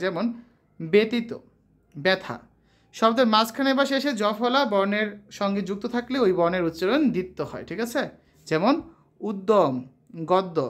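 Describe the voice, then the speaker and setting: Woman teacher reading out example words. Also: medium pitch. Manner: explains step by step, asks questions and answers them herself; often checks understanding with a rising question. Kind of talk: classroom lesson on letter pronunciation.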